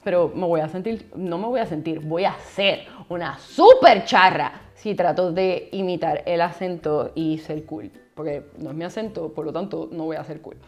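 A woman's voice: fairly low pitch, normal speed, few pauses, a little mellow, faint music behind. A young woman with a Puerto Rican Spanish accent chatting casually as a vlogger, reading viewer comments in a playful, self-mocking way. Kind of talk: casual chat.

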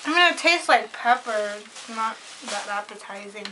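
A woman's voice: on the high side, lively intonation, normal speed, noisy background. A teenage girl doing a casual taste-test, squeamish and dramatically complaining. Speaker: older sister, co-host.

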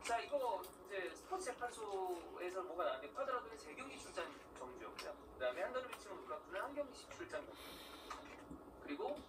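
A man's voice: high-pitched, distant mic, heavy background noise. A man hosting his own video, chatting casually about football while chewing a mouthful of food, explaining things and tossing rhetorical questions to viewers. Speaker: vlog host.

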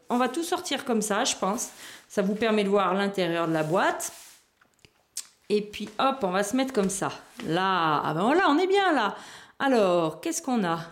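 A woman hosting a board game unboxing video, chatting casually and thinking aloud as she handles the pieces. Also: mid-range voice. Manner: chatty, thinks aloud while handling items, small laughs.

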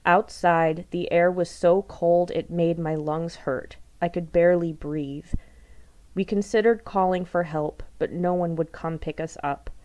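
Slow, low-voiced woman reading poetry. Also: steady tone, mellow, lo-fi sound, slight background noise. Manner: measured, deliberate delivery with repeated phrases. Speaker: poet.

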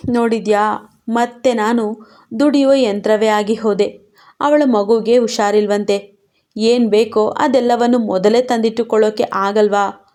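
An overworked young wife lashes out in bitter, tearful complaints, as a woman reads her part. Her voice sits fairly high and she scolds in sharp bursts. It sounds like a spoken storybook. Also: fairly even intonation, unhurried, lightly acted. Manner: scolding, sobbing outbursts.

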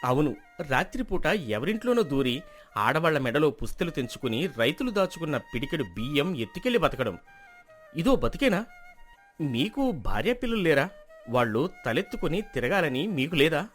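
Soft music plays behind a man whose voice is a little high, bright, and sing-song. He performs a storybook drama role as an earnest village youth, arguing quickly and persuasively as he pleads with the elders.

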